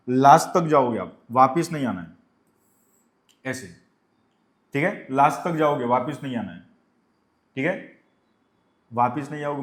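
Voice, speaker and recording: A male chemistry teacher lecturing a class, who asks questions and answers them himself and dictates definitions slowly. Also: medium pitch, roomy sound.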